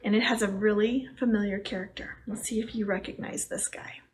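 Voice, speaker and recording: A woman hosts a children's storytime, reading a picture book aloud and tossing in simple, chatty asides for the young listeners. Her voice is medium-pitched and steady, and she keeps a brisk pace.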